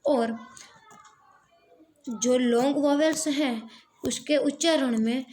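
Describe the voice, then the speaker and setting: Slow, high-voiced woman teacher. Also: dark tone, slight background noise. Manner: drawn-out demonstrating of each sound. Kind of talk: slow classroom explanation of vowel sounds.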